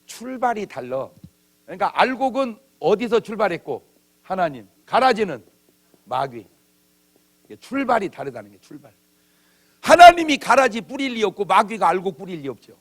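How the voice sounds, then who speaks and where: Casting: male pastor, revival sermon, high voice, big swings in pitch, comic delivery. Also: big pitch swings, moderate pace, long pauses. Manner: humorous, conversational preaching with acted-out quotes. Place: church. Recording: old church video.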